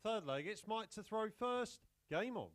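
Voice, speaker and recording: A man's voice: high voice, expressive, measured pace, fairly bright tone, dry recording. A man working as a darts score caller, announcing scores and legs in short, formal calls.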